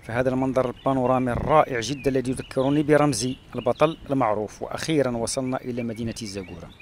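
A man from Morocco narrating his travels along a rural road and through a palm oasis, pausing often with "uh" fillers. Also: mid-range voice, steady tone, a little hiss or hum. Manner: hesitant, with frequent "uh" fillers and pauses. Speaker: travel vlogger.

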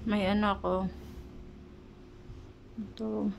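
A woman's voice: mid-range voice, flat delivery, takes it slowly, creaky, background noise. Chatty young woman vlogging at home. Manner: rambling, searching for words with many fillers. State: pregnant, short of breath. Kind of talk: casual chat vlog.

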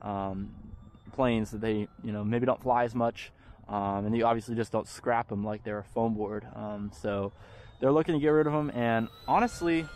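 Flying a model plane in an open park, this young man hosts his hobby channel at a normal speed in a fairly low voice. He sounds relaxed and chatty, with lots of ums along the way.

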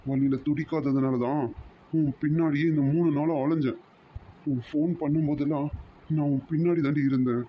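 A man's voice: fairly high pitch, fairly even intonation, brisk, muffled recording, a little hiss or hum, lightly acted. A man voicing a remorseful young man in a cartoon drama, pleading and apologetic. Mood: frustrated.

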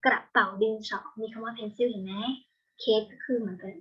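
A young woman teaching an English vocabulary lesson, explaining patiently step by step and slowing down on each English word. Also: medium pitch, steady tone, breathy edge. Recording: dull lo-fi home recording.

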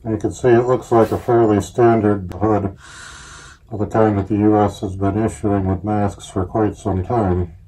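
A man speaking through a gas mask, explaining gear in a steady, plain-spoken, casual show-and-tell way. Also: fairly low pitch, moderate pace, rough recording. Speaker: collector reviewing military gear.

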